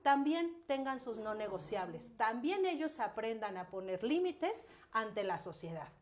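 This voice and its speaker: Woman, parenting guest, fairly high, animated, playful quoted voices. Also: a little slow, slight background noise. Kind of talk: casual conversational interview.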